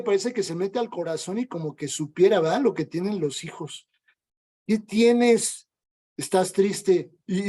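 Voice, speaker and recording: Guy preaching, kinda high voice, soft mellow tone, acts out little dialogues. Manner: conversational, acts out quoted dialogue. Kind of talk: sermon.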